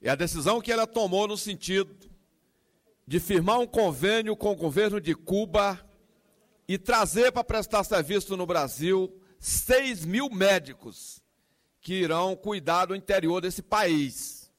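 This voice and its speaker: A male legislator with a Brazilian accent speaks in a high register. His delivery is formal and emphatic, in the oratorical style of a floor speech. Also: animated, a little slow, fairly bright tone.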